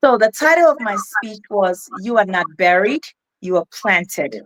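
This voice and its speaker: A middle-aged Ghanaian woman with a West African accent, a keynote speaker appearing as an interview guest, tells her life story in an earnest, reflective way with many restarts. Her voice is medium-pitched, expressive and a bit bright, and she speaks unhurriedly.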